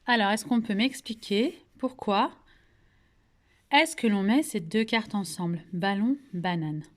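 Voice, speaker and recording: A French-accented woman teaches young children phonics remotely as their kindergarten teacher, with an expressive, mid-range voice. She moves at a measured pace, articulates each syllable with care, and asks patient questions before praising the answers.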